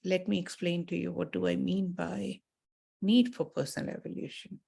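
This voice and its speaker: A woman leads a guided meditation and spiritual talk, speaking in a measured, soothing way with frequent, deliberate pauses between phrases. Her voice is lowish and mellow, with vocal fry and a breathy edge.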